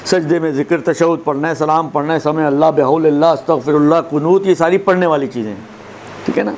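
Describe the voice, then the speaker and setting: A man teaching a religious lesson on prayer recitation, explaining step by step, slowly demonstrating verses and checking in with his listeners. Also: fairly high pitch, a little mellow, a little hiss or hum.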